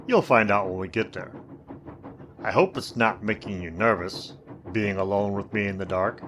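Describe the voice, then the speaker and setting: A man's voice: lowish voice, a bit bright, a little hiss or hum. A man playing a sinister, teasing storyteller who hosts an old-time radio horror tale with theatrical, wry delivery. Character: sinister, teasing male mysterious storyteller of eerie tales. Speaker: host narrator.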